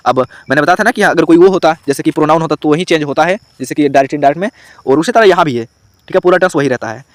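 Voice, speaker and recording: Man with a Hindi accent, grammar teacher, explains step by step, quizzes students, slightly high voice, dry close sound. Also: racing, no room sound. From India. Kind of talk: online grammar lesson.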